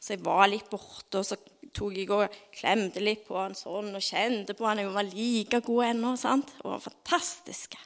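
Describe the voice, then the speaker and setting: A woman giving a devotional talk, telling a personal story expressively and often dropping into dramatic whispers, then praying softly. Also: medium pitch, fairly even intonation. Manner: soft, half-whispered prayer. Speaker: speaker at a devotional gathering.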